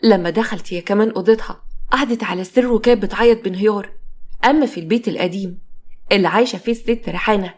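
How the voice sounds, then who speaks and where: A woman storyteller with an Egyptian accent reads a serialized drama at a quick clip. Her pitch sits in an ordinary middle range. Her delivery is brisk and even. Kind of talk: scripted story narration.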